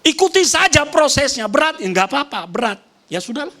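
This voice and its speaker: High-voiced preacher man, emphatic. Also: big pitch swings, a little fast. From Nias, Indonesia. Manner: emphatic preaching that swings between loud high calls and soft low asides; repeats short phrases and speaks straight to the congregation. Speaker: pastor. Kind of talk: sermon.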